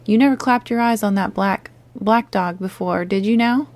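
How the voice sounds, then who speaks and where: A woman's voice: on the high side, normal speed, vocal fry. Woman putting on Long John Silver, a blustering pirate. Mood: scolding. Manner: loud, blustering, sailor slang. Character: hearty one-legged male pirate innkeeper, blustering. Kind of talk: audiobook character reading.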